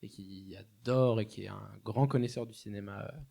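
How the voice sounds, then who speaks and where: A man's voice: fairly low pitch, steady tone, moderate pace, creaky, dark tone, breathy edge. A man, a cinema programmer, casually announcing the next screening at an event. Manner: casual, slightly self-mocking.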